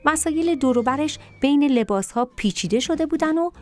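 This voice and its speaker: A woman narrating a children's story in an expressive, animated way. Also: sits high, soft background music.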